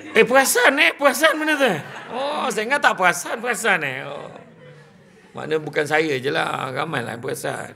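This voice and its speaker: Man, Malaysian accent, preacher, humorous talk, animated, bright forceful tone, slightly high voice. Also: brisk, vocal fry, a faint crowd. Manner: animated, chatty storyteller who often laughs while talking. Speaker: Islamic preacher. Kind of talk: humorous storytelling talk to a live audience.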